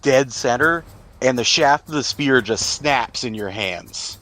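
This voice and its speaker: A man acts as game master for a tabletop game, narrating the action and explaining rules in a conversational, descriptive way over a background music bed. His medium-pitched voice has a sharp tone and a measured pace, with a little hiss or hum.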